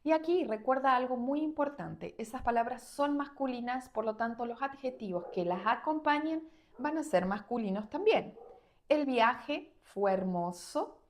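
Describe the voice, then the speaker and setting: A woman with a slightly high voice teaches Spanish in an online lesson. She explains grammar clearly and slows right down to say each example word. Her delivery is deliberate and well paced. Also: lively intonation.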